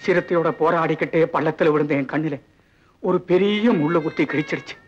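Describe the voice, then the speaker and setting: An actor playing a humble, injured estate manager who speaks earnestly and deferentially, in a 1960s film. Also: male voice, a little high, a little fast, over music, natural voice. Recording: dull old film soundtrack.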